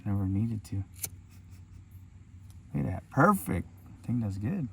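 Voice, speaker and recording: A man's voice: fairly low pitch, sing-song, unhurried, gravelly, a bit bright, slight background noise. A sleepy man hosting a casual car-build vlog, joking and talking as he works on a car in his home garage. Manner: laid-back, joking, talks while working. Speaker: car channel host.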